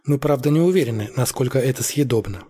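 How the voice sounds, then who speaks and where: A man voicing a stern, cautious young leader who gives firm orders, in a husky voice. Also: mid-range voice, lively intonation, fast, mellow, big-room sound. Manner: firm, commanding.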